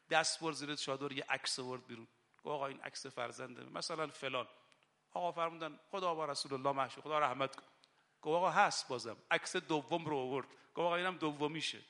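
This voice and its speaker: A man preaching a religious sermon as a cleric, rising from soft explanation to loud, impassioned delivery. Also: a little high, in a large hall.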